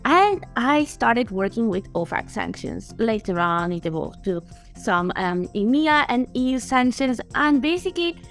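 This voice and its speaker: Woman in her 30s, chatty and lively, kinda high voice, laughs a lot, video call. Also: unhurried, faint music behind. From Bulgaria. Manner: animated and chatty, laughs often. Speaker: guest, sanctions compliance specialist. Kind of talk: interview answers.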